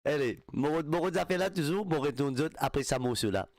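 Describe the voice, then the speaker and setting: Gravelly mauritian guy dj-ing live radio, dry close mic, bit of music under him. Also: a little high, a little fast, no echo. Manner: lively, shout-outs to listeners, drifts between languages. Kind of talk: live radio show hosting.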